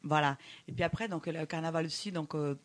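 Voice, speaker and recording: A woman from Brazil with a Brazilian accent, explaining things as an interview guest in halting French with small grammar slips and a foreign accent. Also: sits low, a little hiss or hum. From Brazil, Belém in the Amazon region. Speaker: guest, dancer and show creator.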